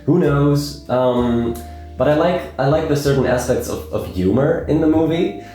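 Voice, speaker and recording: A man's voice: fairly high pitch, normal speed, mellow, soft background music. A young man casually talking about films, rambling with many fillers and repeated words. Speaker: film review vlogger. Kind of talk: casual film talk. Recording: very echoey room.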